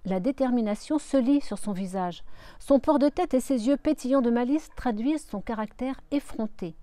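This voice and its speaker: A woman narrating a storybook in an expressive, lilting way. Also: a little high, moderate pace, no room sound.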